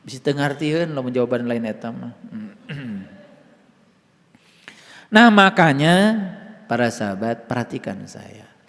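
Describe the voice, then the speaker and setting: A male Islamic spiritual teacher with a Sundanese accent gives an informal sermon, talking conversationally and swinging between soft murmurs and loud, emphatic stresses. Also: medium pitch, expressive, takes it slowly, vocal fry, long pauses. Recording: long hall reverb.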